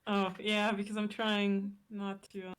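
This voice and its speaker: A woman's voice: mid-range voice, monotone, a little slow, clear, resonant tone. Give me a laid-back woman on a choppy call, her words cutting out at the ends. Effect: choppy call audio, words cutting out. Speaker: guest artist. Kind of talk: casual chat on a call.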